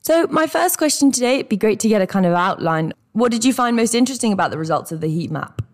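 A woman's voice: fairly high pitch, sing-song, fast talker. A woman speaking as a reporter, putting questions to a guest in a podcast interview.

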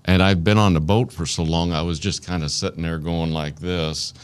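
Middle-aged male interviewee with an Arkansas drawl. Low voice, plain-spoken and folksy, chatting informally with pauses. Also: fairly even intonation, clear, resonant tone. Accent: Arkansas Southern. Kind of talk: casual reminiscing interview.

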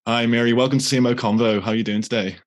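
A man's voice: medium pitch, fairly even intonation, rapid-fire, faint music behind. A man hosting a marketing podcast, upbeat and repeating words, often saying "like". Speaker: podcast host. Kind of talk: podcast interview.

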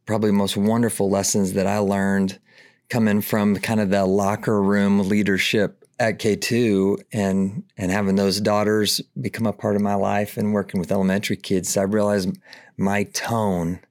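A man's voice: lowish voice, no room sound, studio quality. A man hosting a podcast, speaking in a reflective, earnest way as he asks his guests a question. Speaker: podcast host. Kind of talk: podcast conversation.

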